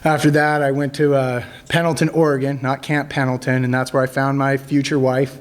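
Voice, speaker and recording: A man in his thirties, an army veteran, telling stories casually to a group, joking and halting with many fillers. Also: medium pitch. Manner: jokey, animated when acting out quotes.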